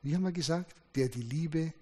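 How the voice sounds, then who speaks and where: Preacher in a reverberant hall. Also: male voice, fairly high pitch, fairly quick, darkish tone. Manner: emphatic, rising and dropping sharply for stress. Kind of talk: sermon.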